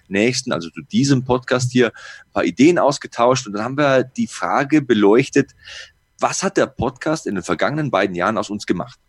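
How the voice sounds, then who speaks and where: A man in his late thirties co-hosts a podcast, chatting casually in an earnest, reflective way and listing things off. His medium-pitched voice is husky, and there's no room sound.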